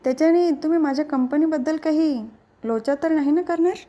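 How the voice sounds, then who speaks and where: Meddling taunting aunt read by a woman, high and mellow. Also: fairly quick, muffled recording, natural voice. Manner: taunting, nosy. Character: meddling older aunt, sharp-tongued and taunting.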